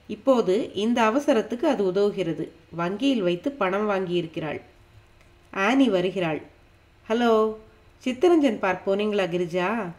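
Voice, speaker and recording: Female audiobook narrator, steady and even, scripted novel reading. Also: medium pitch.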